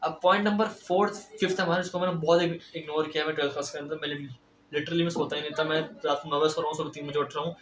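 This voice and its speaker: A young man giving casual motivational advice in a vlog, talking fast and stressed, mixing in English phrases. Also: a little high, fairly even intonation, a bit bright, a little hiss or hum. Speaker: self-improvement vlogger. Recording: roomy echo.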